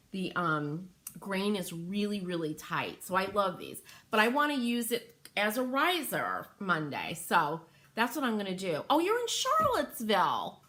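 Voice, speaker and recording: A woman's voice: medium pitch, fairly bright tone. A middle-aged woman hosting a craft livestream from her home workroom, chatting with viewers by name while she works. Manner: chatty, greets viewers by name, thinks aloud. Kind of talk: casual livestream chat while stenciling. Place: home workroom by an open window.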